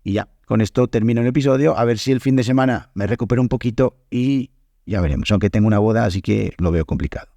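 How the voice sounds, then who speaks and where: A man from Spain with a hoarse, fading voice, explaining a Spanish lesson on his podcast and often checking in with his listeners. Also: fairly low pitch, quick pace, dark tone, no echo. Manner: explanatory, many fillers and checks. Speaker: Spanish teacher, podcast host.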